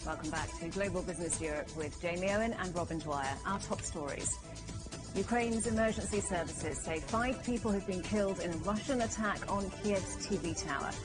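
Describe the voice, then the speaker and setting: A woman reading the news headlines as an anchor, crisp and formal. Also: lowish voice, moderate pace, music in the background, rough recording.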